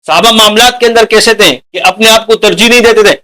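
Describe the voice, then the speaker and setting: A man's voice: high voice, pushed and bright, rough recording. A man preaching a sermon to an audience, asking them rhetorical questions and calling them dear companions. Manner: addresses listeners as dear companions.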